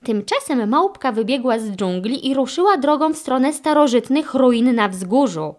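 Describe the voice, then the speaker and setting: A woman reads a children's audiobook aloud in an expressive storytelling manner. Her voice sits a little high and moves with a lively, animated lilt. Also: moderate pace. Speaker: audiobook narrator.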